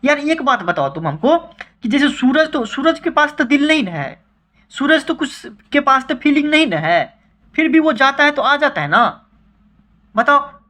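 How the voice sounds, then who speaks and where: A man's voice: very high-pitched, sing-song, normal speed, bright, forceful tone, voice pushed up, exaggerated voice. A man playing a poet soothing his wife. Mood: reassuring. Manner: coaxing, explaining patiently. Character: adult male poet calmly reassuring his wife.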